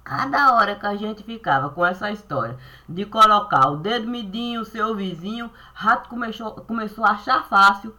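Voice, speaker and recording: A Brazilian woman with a bright, forceful voice rambles through a spiritual monologue into her webcam. She meanders and repeats phrases over and over, speaking to God as she goes. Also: medium pitch, normal speed. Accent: Brazilian Portuguese. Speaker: vlogger.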